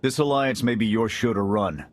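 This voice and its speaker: Here the actor uses a lowish, near-everyday voice at a moderate pace. The role is a jaded squad commander in a video game cutscene, and he keeps his soldier talk terse and clipped.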